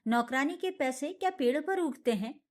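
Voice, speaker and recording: A woman's voice: sits high, expressive, normal speed. A woman voicing a cruel, scheming young daughter-in-law who talks in a harsh, threatening, mocking way.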